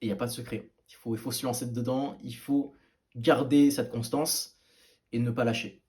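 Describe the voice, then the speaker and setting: A man's voice: medium pitch, fairly even intonation, fast, darkish tone. A man giving casual fitness advice straight to the viewer, talking informally and bluntly with frequent hesitations and restarts. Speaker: fitness video maker.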